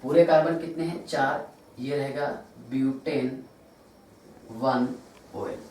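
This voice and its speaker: A man's voice: mid-range voice, steady tone, a little mellow, recorded from a distance. A man with an Indian Hindi accent teaches chemistry, counting carbons aloud and asking questions that he answers himself. He is recorded from across a very echoey classroom, with faint room noise behind him. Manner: asks rhetorical questions and answers them himself; spells out formulas slowly, counting carbons aloud. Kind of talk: classroom lecture. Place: large classroom.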